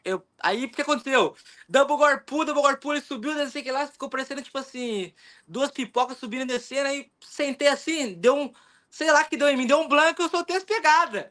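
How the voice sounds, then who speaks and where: A young man with a Brazilian Portuguese accent, telling his story in an animated, rambling way in a casual interview, acting out his own thoughts. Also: extremely high pitch, fairly quick. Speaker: jiu-jitsu athlete, interview guest.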